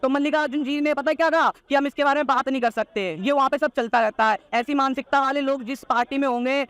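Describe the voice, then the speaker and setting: A man's voice: very high-pitched, fairly even intonation, quick pace, fairly bright tone, dry recording. A teenage boy giving political opinions in a street interview, rattling them off all in one breath in a combative, insistent way, with repeated points and rhetorical challenges. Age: teenager, not yet of voting age.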